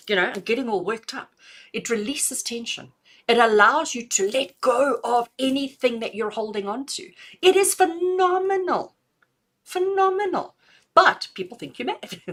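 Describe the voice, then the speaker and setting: A middle-aged woman leads a live guided breathing lesson as a spiritual healer. She talks in an animated, chatty way and laughs often. When she counts breaths, she slows down and turns calm. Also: a little high.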